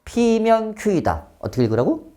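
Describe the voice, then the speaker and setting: A man teaching a math class, often stopping to check that students follow and switching between polite and blunt speech, with sudden loud exclamations. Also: high-pitched, sing-song, slow pace, slight background noise.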